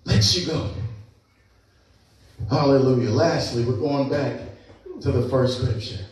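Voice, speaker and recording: A man preaching a sermon as pastor, playful and lively, acting out little scenes with laughs. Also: medium pitch, measured pace. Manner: playful, acts out animals and voices with laughs. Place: church. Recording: echoey church hall, mic far off.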